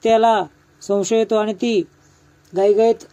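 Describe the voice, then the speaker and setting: A man with a high but dark, mellow voice retells a serial episode scene by scene. His delivery stays level and flat, with little rise or fall. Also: measured pace. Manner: steady, even retelling with quoted dialogue. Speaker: serial recap narrator. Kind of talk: episode recap narration.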